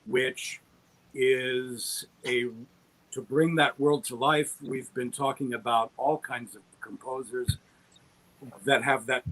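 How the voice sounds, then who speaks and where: This middle-aged man, a guest on an online interview, is an audio drama producer who speaks slowly in a mid-range, somewhat bright voice with fairly even intonation. His conversational storytelling is eager, meandering and self-deprecating, captured on a rough recording.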